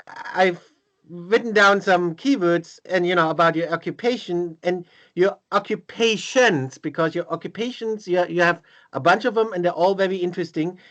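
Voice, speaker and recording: A man hosting an interview, speaking in a halting way with many restarts and repeated words. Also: sits high, a bit bright, highs cut off. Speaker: interview host. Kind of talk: casual interview chat.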